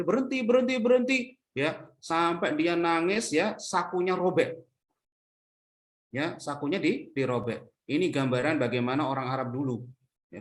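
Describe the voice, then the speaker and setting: A man teaching an Islamic parenting lecture in a conversational storytelling manner, asking rhetorical questions as he goes. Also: on the high side. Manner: conversational, mixing casual slang. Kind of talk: religious study lecture.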